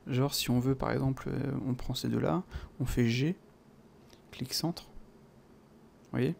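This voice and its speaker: Chatty French man, gravelly tutorial voice. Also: medium pitch, fairly even intonation, slow, a little mellow, a little hiss or hum. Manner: chatty, many fillers and sound words like "pouf" and "clac". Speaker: software tutorial presenter. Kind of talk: casual screen-recorded tutorial.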